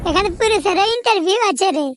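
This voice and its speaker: A woman's voice: very high-pitched, animated, quick pace, very noisy. A woman voicing a flustered interviewer at a shady business in a cartoon comedy, polite and stammering.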